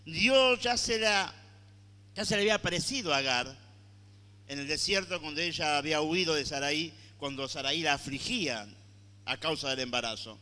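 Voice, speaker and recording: Pastor man preaching, high piercing voice, big reverb in the church hall. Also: normal speed. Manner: dramatic preaching, swings from loud to hushed; addresses the congregation directly. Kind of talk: sermon.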